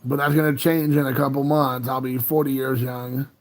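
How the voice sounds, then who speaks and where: A man in his late thirties hosts a casual live stream from his phone at home, rambling, laid-back and often chuckling as he chats with viewers. His voice sits at a medium pitch with a flat delivery and a moderate pace.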